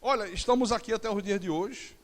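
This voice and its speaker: A man's voice: high-pitched, fairly quick, long reverb tail. A middle-aged male pastor preaching a sermon, telling stories with acted-out dialogue and humor. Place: church.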